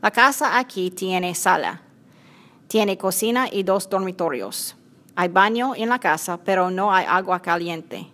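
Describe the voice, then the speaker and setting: A woman narrating a simple storybook in a clear, measured reading voice. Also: on the low side, a bit bright.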